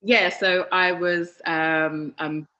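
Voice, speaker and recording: Young female architect, low pitch, hesitant delivery, dull video-call audio. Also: fairly even intonation, drawn-out words, sharp tone. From England. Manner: hesitant, many fillers and restarts. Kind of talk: online talk presentation.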